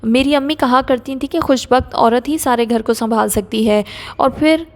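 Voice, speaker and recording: A woman's voice: a little high, lightly acted. Young new bride read by a woman, polite, sweet, eager, long reverb.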